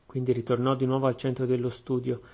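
A man reading a story aloud in steady first-person narration. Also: medium pitch, quick pace, gravelly. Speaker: audiobook narrator.

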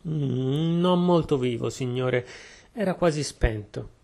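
A man's voice: mid-range voice, takes it slowly, vocal fry, a little mellow. A man voicing a polite, deferential butler who answers formally. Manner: formal and respectful.

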